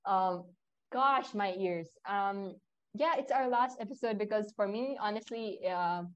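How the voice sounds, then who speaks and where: A woman's voice: mid-range voice, unhurried, clean tone, muffled recording. A young woman, hosting a casual podcast and chatting straight to her listeners, often correcting herself as she goes. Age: young adult. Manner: chatty, addresses listeners directly, self-correcting. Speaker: podcast host.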